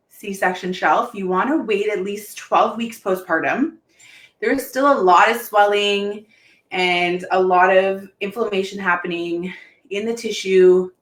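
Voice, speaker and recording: Casting: young woman, heavily pregnant and short of breath, mid-pitched voice, informal health educator on a live stream, echoey room. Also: a bit bright. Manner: explanatory, informal, checking in with "okay?". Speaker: pelvic health therapist teaching. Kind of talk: casual live-stream lesson. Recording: roomy, echoing sound.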